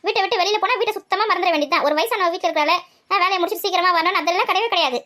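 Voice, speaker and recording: A woman voicing a tired, grumbling old grandmother with an aching back, talking soft and low in a comic family skit. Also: racing. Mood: scolding. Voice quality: soft and low, muttering to herself.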